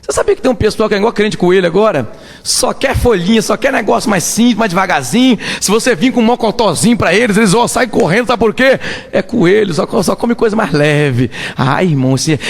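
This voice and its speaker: Gravelly Brazilian preacher shouting in a hall. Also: male voice, sits high. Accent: Brazilian Portuguese. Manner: emphatic, swings to sudden shouts, asks the congregation questions. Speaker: evangelist preacher. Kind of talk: Pentecostal sermon. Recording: hall with long reverb.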